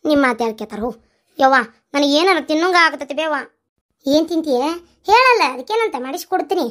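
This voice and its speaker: A woman with a North Karnataka accent performing a village family comedy sketch, bickering in a lively, animated way. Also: high voice, quick pace. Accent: North Karnataka Kannada. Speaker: comedy vlogger.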